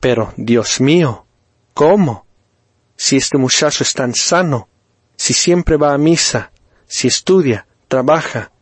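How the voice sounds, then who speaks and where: A man voicing a distraught middle-aged mother, crying out in high, pleading tones. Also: expressive, takes it slowly, breathy edge, no echo.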